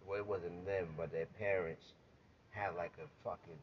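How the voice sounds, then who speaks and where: A man's voice: deep voice, steady tone, normal speed. A man in casual banter, emphatic and swearing freely, repeating himself to make his point. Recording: dull lo-fi sound with faint noise.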